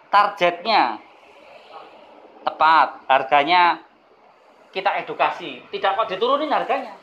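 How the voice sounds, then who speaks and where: Chatty trainer, dull recording. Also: male voice, high voice, sharp tone, a little hiss or hum. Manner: chatty, acts out sales dialogues. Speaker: property marketing trainer. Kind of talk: casual seminar teaching.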